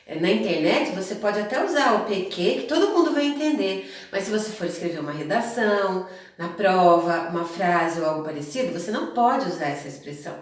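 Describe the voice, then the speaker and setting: A woman's voice: mid-range voice, lively intonation, a little fast. Female teacher, explanatory classroom delivery, recorded from a distance in a very echoey room. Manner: explanatory, repeats points, addresses students directly. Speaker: Portuguese teacher. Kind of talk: grammar lesson to students.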